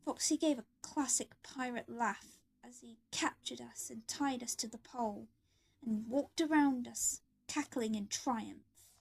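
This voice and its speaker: High-voiced woman telling a fan story. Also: measured pace, vocal fry, breathy edge. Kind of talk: first-person fan story narration.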